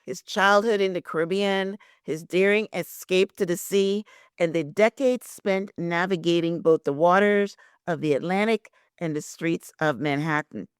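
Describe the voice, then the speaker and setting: A woman's voice: lowish voice, moderate pace, clean tone, no echo, clean studio sound. A woman from Guyana hosting a podcast interview, chatty and affirming, with many "very nice" replies. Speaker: podcast host. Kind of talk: podcast interview with reading of a synopsis.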